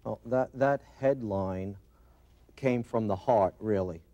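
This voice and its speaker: A man's voice: on the low side, takes it slowly, mellow, highs cut off. A middle-aged man with a Brooklyn accent talking conversationally as a company owner in a studio interview. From Brooklyn, New York. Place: TV studio set, indoors. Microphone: lapel mic.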